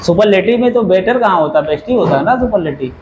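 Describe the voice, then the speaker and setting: High pitched guy teaching english grammar to a class, patient, keeps quizzing students, echoey room. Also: animated, fast, a little mellow, muffled recording, slight background noise. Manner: explains patiently, asks the class questions.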